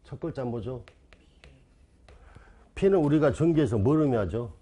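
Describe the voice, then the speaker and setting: A man teaches an exam-prep class online, his husky voice swooping up and down as he fires rhetorical questions at his students. His tone is mellow and warm, and he drives each key term home by repeating it. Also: mid-range voice, expressive, a little slow. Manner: insistent, repeats key terms emphatically. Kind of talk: online lecture.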